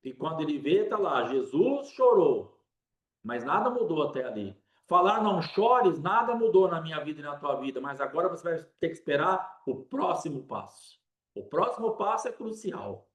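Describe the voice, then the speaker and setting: Man, preacher, impassioned sermon, fairly high voice, echoey church hall. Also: big pitch swings, moderate pace, a bit bright. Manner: impassioned, repetitive preaching cadence.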